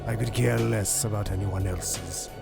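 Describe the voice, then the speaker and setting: A man playing the Joker, an unhinged and menacing criminal clown, halting and muttering with drawn-out words and cackles in a comic-book drama. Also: fairly low pitch, steady tone, vocal fry. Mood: quiet menace. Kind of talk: comic-book villain acting. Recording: music behind the voice.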